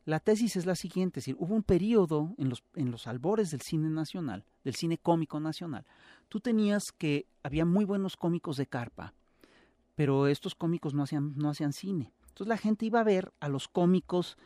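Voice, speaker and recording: A man with a Mexican accent talks as an interview guest, lecturing at length and pausing often on filler sounds. His voice sits a bit high for a man. The sound is close and dry, with no room around it. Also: animated, warm tone, no echo. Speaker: guest expert on Mexican humor and cinema. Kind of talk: explanatory interview talk.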